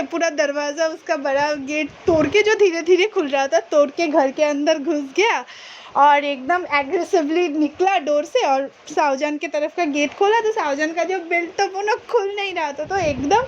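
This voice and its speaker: A woman's voice: extremely high pitch, muffled recording, a little hiss or hum. A woman casually retelling a fan-fiction story in a chatty, colloquial way, with many fillers. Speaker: story narrator.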